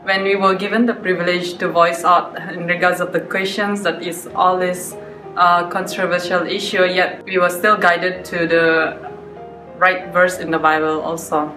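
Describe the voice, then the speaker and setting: A woman's voice: fairly low pitch, flat delivery, moderate pace, music in the background. A woman from Malaysia, speaking carefully in a personal testimony. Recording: roomy, distant recording.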